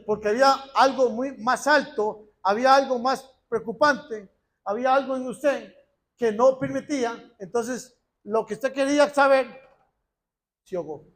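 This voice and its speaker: A man preaching in church with a strikingly high voice. He hammers key words again and again with fervent repetition and slows right down when he reads scripture aloud. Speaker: lay preacher. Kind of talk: sermon.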